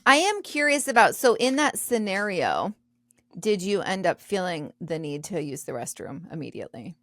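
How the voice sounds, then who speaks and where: A woman's voice: fairly low pitch, dry recording, clean studio sound. A woman co-hosting a podcast, talking candidly and expressively in casual conversation. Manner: expressive, candid, quick reactions. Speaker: podcast co-host.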